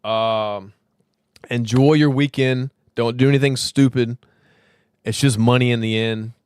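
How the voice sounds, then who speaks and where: A man's voice: mid-range voice, steady tone, unhurried, darkish tone, clean tone, no room sound, studio quality. A man hosting a casual crypto livestream, slightly tipsy and slurring, rambling, swearing and laughing as he chats. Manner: loose, rambling, swears freely, laughs often.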